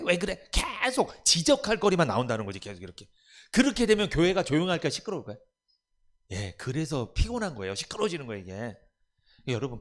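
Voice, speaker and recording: A man pastor preaching a sermon in church, asking the congregation rhetorical questions and acting out family members' voices. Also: a little high. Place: church sanctuary.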